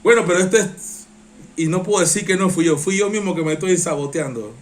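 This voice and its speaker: A man's voice: sits high, a little fast. A man with a Panamanian accent hosting a live-stream reaction show, talking passionately and getting worked up. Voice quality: strains his voice. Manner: excitable, passionate, gets worked up. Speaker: live-stream political commentator.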